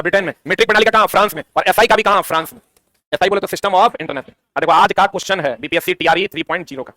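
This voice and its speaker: A man's voice: sits high, bright, forceful tone, no room sound. A man, teaching an exam-prep science lesson, asking questions and answering them himself. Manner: quizzing, asks and answers his own questions.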